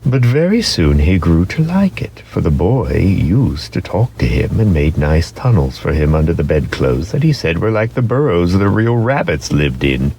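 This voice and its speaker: A deep-voiced man reads a storybook aloud with dramatic flair, his pitch swinging widely as he lingers on important words. His voice is slightly mellow with some vocal fry, and faint noise sits in the background.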